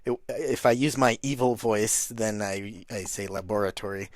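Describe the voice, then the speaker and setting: A middle-aged man hosting a podcast, easygoing and playful, with soft-spoken asides. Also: medium pitch, a little slow, no room sound, clean studio sound. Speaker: podcast host. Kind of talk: conversational podcast interview.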